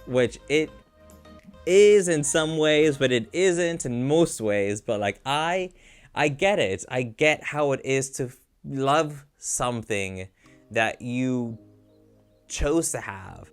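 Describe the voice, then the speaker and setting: A man talks to the camera in a loose, rambling vlog monologue. His voice sits in an ordinary middle register. He keeps breaking off and restarting his sentences as he works through a personal, emotional story, with soft music playing faintly underneath. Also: mid-range voice, expressive, takes it slowly, clean tone. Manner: rambling, self-interrupting, emotional. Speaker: vlogger.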